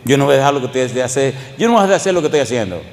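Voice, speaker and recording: A man's voice: mid-range voice, lively intonation, racing, faint music behind, lightly acted. A man voicing a defiant, unrepentant middle-aged man who speaks bluntly and boastfully, heard with long church-hall reverb.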